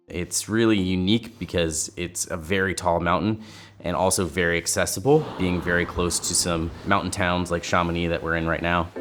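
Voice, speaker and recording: A man explaining an expedition plan in a documentary interview, clear and enthusiastic. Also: sits low. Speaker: expedition organizer. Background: background music.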